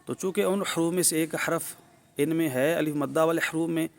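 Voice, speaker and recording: Middle-aged man, recitation teacher, slightly high voice, patient and methodical. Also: fairly even intonation, gravelly. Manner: patient, repeats points, models each syllable loudly and drawn out. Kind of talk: alphabet pronunciation lesson.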